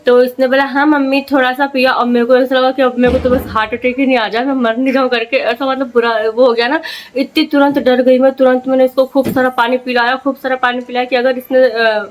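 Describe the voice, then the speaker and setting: A woman's voice: sits high, level tone, fast. A young woman, a mother, chatting casually to camera in a home vlog and telling her story with lots of fillers. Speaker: vlogger, mother.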